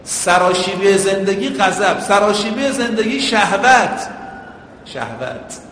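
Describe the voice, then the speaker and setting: A man's voice: high-pitched, a bit bright, slight background noise. A male preacher giving a sermon, using everyday driving comparisons and chanting quotations in Arabic. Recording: echoey hall with a long reverb.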